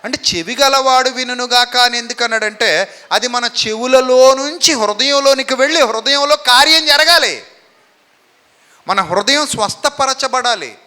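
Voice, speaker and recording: A man preaching a sermon with a high, bright, forceful voice that rings through a hall with long reverb. He is lively and keeps throwing questions at his congregation for them to answer. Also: measured pace. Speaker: pastor.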